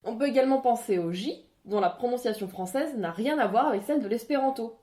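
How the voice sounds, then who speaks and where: A woman presenting a language lesson in scripted narration, clear and didactic, saying out examples slowly. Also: on the high side, dark tone.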